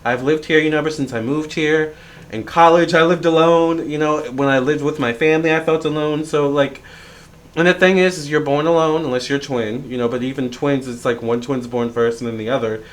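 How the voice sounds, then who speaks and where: A man's voice: fairly high pitch, steady tone, a little fast. A man of thirty, a tarot reader, talking through a casual, reflective vlog monologue and rambling with plenty of fillers and restarts.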